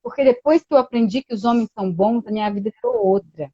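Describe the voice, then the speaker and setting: A woman's voice: on the high side, fast, warm tone, husky, dry recording. A woman in a casual chat, telling a personal story with many quoted exchanges and frequent tag questions. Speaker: guest. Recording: dull lo-fi dry sound.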